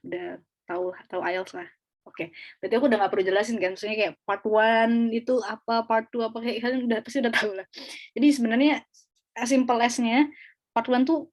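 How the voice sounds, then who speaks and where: A woman's voice: a little high, a little mellow. A woman tutoring an online speaking class, explaining in a chatty, casual way with fillers and small laughs over a video call.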